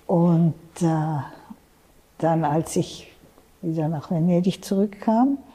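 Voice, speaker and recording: A woman in her late eighties, a guest in an interview, talking slowly and haltingly as she searches for words. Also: on the low side, mellow, slightly rough. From United States. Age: 80s. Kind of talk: interview conversation.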